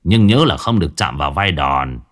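A man voicing a grave old village coffin bearer, muttering low and slow. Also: lively intonation, fairly bright tone.

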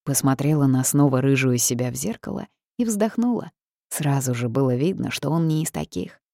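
A woman reading a first-person story aloud, lively with wry asides. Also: extremely low pitch, moderate pace, creaky, dry recording, clean studio sound. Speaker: audiobook narrator. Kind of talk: first-person audiobook narration.

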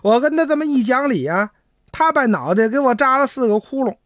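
A man voices a frightened old peasant near sixty, half-deaf, stammering out his plea. The voice swoops up and down with lively pitch. It sounds close and dry, with no room around it. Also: a little fast, no room sound. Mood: pleading. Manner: pleading, rustic, stammering. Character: timid old male farmer, nearly sixty, hard of hearing.

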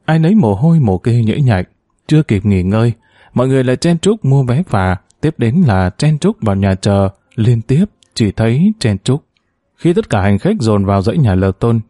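A man narrating a story aloud in a measured, expressive audiobook style. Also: medium pitch, no echo, studio quality.

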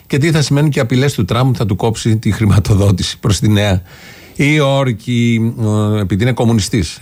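A man's voice: on the low side, a little mellow. Plain-spoken male radio presenter. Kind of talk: news commentary.

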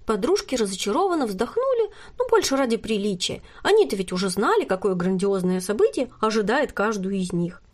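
A woman narrating a children's storybook in a lively, expressive reading. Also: mid-range voice, fairly quick, hardly any pauses. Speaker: reader.

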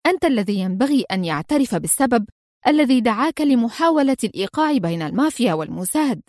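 A woman's voice: a little high, big pitch swings, fast, no echo, studio quality. A woman voicing a fierce, nervous female spy in a read-aloud spy story. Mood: sharp fierce. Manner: sharp and nervous.

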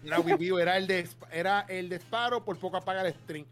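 Chill guy rambling about games, voice sits pretty high, faint music behind. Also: fairly quick. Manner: laid-back, chatty, laughs often. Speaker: podcast co-host. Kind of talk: casual gaming chat.

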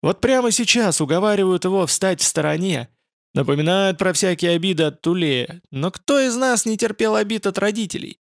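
A man voicing a loud, fiery male crowd leader who rouses the mob. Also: sits high, animated, brisk, vocal fry, no room sound, clean studio sound, pitched above the performer's own voice. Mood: rousing. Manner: shouting, fiery.

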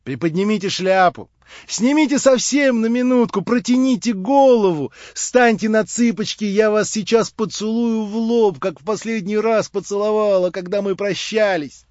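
A man doing an eager, lively young woman. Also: normal speed, dry recording, natural voice. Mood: playful. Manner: high, bright, eager bursts. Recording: dry, slightly dull audiobook recording.

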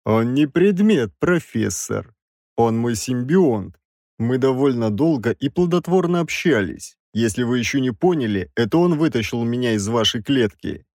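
A man's voice: mid-range voice, lively intonation, a little mellow, dry recording, natural voice. Male reader as a cold six-armed creature for an audiobook, level and ironic, dry sound. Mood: stern. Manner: measured, coldly ironic. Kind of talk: audiobook character voice.

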